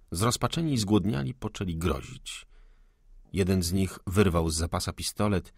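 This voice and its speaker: A man reading a classic novel as an audiobook narrator, measured and literary. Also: low voice, no echo, studio quality. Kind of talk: scripted narration.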